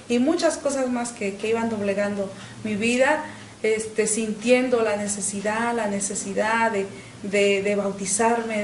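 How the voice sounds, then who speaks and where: A middle-aged woman, giving an earnest personal faith testimony in an interview, often pausing on "este" and repeating words. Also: mid-range voice, reverberant, slight background noise, rough recording. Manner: earnest, with frequent "este" fillers and repetitions. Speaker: interview guest.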